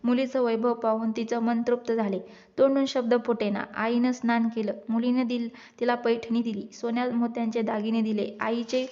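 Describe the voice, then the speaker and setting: Lady reading a religious folk story, steady, kinda flat, muffled lo-fi sound. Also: a little high, normal speed. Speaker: storyteller, channel host. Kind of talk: reading a devotional folk tale.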